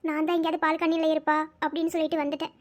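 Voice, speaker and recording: A woman voicing a caring younger sister who calmly comforts and advises her older sister. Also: high voice, very fast, voice pushed down, lightly acted. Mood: soothing. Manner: soothing, advising.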